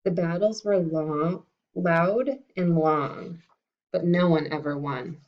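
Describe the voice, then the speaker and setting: A woman teacher talking to fifth graders and reading a picture book aloud in a friendly, unhurried way. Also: fairly low pitch, steady tone. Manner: friendly and unhurried, with some fillers. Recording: dull lo-fi recording.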